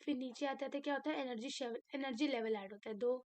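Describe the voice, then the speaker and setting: A young woman teaching a chemistry lecture, animated and asking her own questions before answering them. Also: sits high, a little fast. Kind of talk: classroom lecture.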